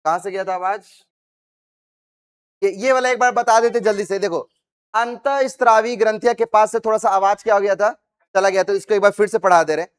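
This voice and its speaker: A man's voice: sits high, steady tone, a little fast, clear, resonant tone. A man teaching science to a live class, repeating questions and having students recite the terms after him. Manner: calls students "babu", teasing and scolding them. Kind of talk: classroom lecture.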